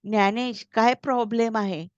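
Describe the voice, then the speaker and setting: A woman's voice: on the high side, steady tone, moderate pace, a little mellow, no room sound, natural voice. A woman reading as a worried middle-aged father. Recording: slightly dull, dry recording.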